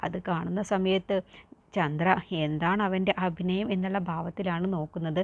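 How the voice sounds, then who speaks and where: A woman's voice: on the low side, steady tone, moderate pace, creaky. A woman casually retelling a TV serial episode in a chatty storyteller manner. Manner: chatty, storyteller tone with friendly tag-ons. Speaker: serial recap narrator. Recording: tinny phone-like sound.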